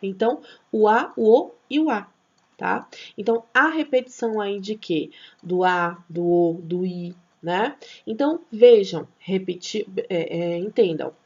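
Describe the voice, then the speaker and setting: A woman's voice: medium pitch, unhurried. A woman teaching a grammar lesson, chatty and checking in with her students often, sometimes stumbling over and restarting words. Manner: chatty, checks in with tag questions. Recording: slightly dull lo-fi recording.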